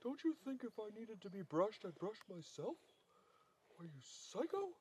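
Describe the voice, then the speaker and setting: A man's voice: sits high, big pitch swings, normal speed, a little mellow, slight background noise, voice pushed up. A man voicing his own dog as an indignant, fussy male dog complaining with sarcasm. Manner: sarcastic, put-upon complaining.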